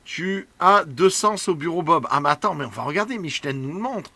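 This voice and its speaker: Gushing high-voiced man, dry close mic. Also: lively intonation, fairly quick, bright, forceful tone, dry recording. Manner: gushing, mocking, childishly repeating himself. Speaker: tech show host. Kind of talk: excited casual commentary.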